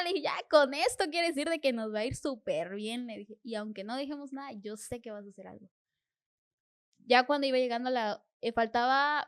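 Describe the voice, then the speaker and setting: A young adult woman, a podcast guest, tells a personal faith testimony in an earnest way and acts out her prayers as dialogue. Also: fairly high pitch.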